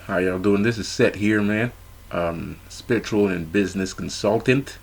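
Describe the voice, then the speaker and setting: Male vlogger, low voice, mouth full of teeth grills, loose slangy rambling with swearing and repeats. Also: creaky, husky. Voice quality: slightly impeded speech from wearing teeth grills. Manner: slangy, profane, repetitive and halting. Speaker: online channel host, spiritual and business consultant. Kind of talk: rambling casual monologue to viewers.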